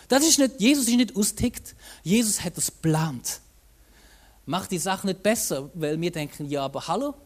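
A preacher with a Swiss German accent giving a sermon in a lively way, with many rhetorical questions and direct asides to the listener. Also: mid-range voice.

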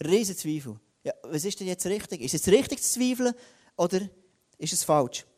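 A man preaching a sermon, lively and acting out biblical voices, slowing right down for emphasis. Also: high-pitched.

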